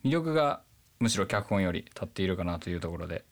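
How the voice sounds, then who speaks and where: Male scriptwriter from Nagano, put-on Kansai accent, rapid and jokey. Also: low-pitched, very animated. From Nagano, Japan. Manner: joking, self-deprecating. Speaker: scriptwriter of a radio drama. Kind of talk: casual panel chat.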